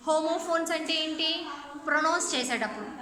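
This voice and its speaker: A woman teacher with a Telugu accent giving an online English lesson to children, speaking slow, careful English and quicker explanations in between, sometimes spelling words out letter by letter. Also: high voice, expressive, roomy sound, crowd noise.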